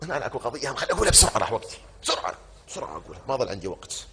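Delivering a sermon in an Iraqi Arabic accent, a man poses questions to his congregation, answers them himself, and draws key words out slowly. His mid-range voice is sing-song with a sharp tone, and there's a little hiss or hum.

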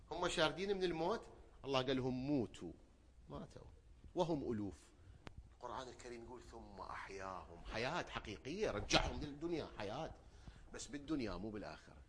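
Man preaching with loud emphatic swings. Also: a little hiss or hum. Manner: swings from loud emphatic outbursts to low murmurs; rhetorical questions and repetition. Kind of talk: sermon.

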